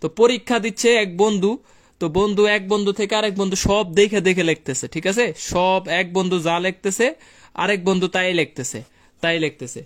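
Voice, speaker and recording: A man's voice: high voice, fairly quick, a bit bright. A young man tutoring physics in a live online class, chatty and colloquial, repeating key terms and asking students questions. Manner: repetitive, asks students questions and reads their answers.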